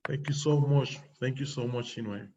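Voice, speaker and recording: Cuban-born man, earnest and halting, on a muffled line. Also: mid-range voice, dark tone, a little hiss or hum. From Cuba. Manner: earnest, halting, many fillers. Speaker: guest musician. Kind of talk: interview answers. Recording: muffled lo-fi call audio.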